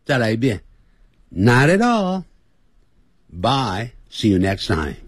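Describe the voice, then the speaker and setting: A man hosting a radio language lesson, speaking slowly and drilling each phrase over and over. His voice is a little husky, his pitch swings widely, and he jokes with his listeners as he goes. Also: no room sound, clean studio sound. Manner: animated, drills pronunciation by repeating phrases. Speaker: English teacher on radio.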